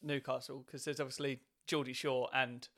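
A man's voice: mid-range voice, level tone, normal speed, a crowd in the background. A man hosting a casual podcast chat in an easygoing, jokey way. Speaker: podcast host, stand-up comedian.

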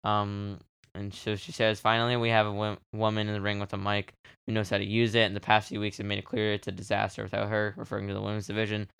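Smooth-voiced man recapping wrestling. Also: lowish voice, completely flat delivery, fast talker, fairly bright tone, dry recording. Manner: reads match notes, laughs often. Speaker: podcast co-host. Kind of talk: casual wrestling recap chat.

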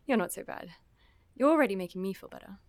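An actress playing a weary young woman who sighs often and turns sharp when pushed. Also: mid-range voice, expressive, normal speed, no echo, natural voice. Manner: sighing and weary, turning sharp and frightened. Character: weary young woman trapped in a love triangle. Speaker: actor in an audio drama.

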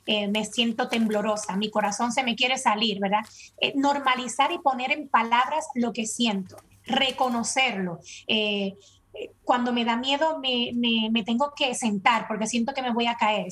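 A woman's voice: fairly high pitch, a bit bright, slightly rough. A woman guest expert explaining emotions in an interview, earnest and repetitive, often checking in with the listener. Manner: earnest, repeats steps with frequent "¿verdad?".

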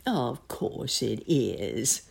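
Grinning smug cat, lady putting it on, playful n friendly, stretches words out slow, croaky husky storybook voice. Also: rumbling low, sing-song, a little mellow, exaggerated voice. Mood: cheerful. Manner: drawn-out, deliberate, playful delivery. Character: smiling, smug, friendly male Cheshire cat.

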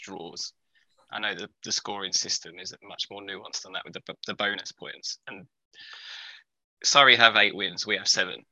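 A man talking as a podcast co-host, giving casual, measured and analytical sports commentary. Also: lowish voice, sharp tone, dry recording, low-quality recording.

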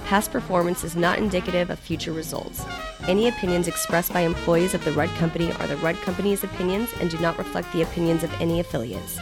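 A woman reads a scripted legal disclaimer in a formal, measured way, as an announcer. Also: on the low side. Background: music with brass.

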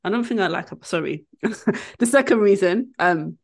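A woman hosts a podcast, chatting casually with a friend and often searching for her words with fillers and quick apologies. Her lowish voice is animated, gravelly and husky.

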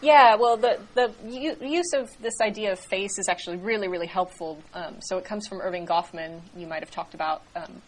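A woman's voice: medium pitch, brisk, hardly any pauses, slight background noise, rough recording. A woman as an interview guest, explaining ideas fluently and laughing easily. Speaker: guest expert on interaction and politeness.

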